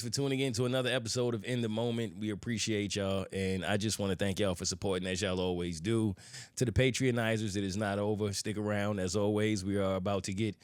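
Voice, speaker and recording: A man hosting a podcast in animated, playful casual chat. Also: lowish voice. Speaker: podcast host.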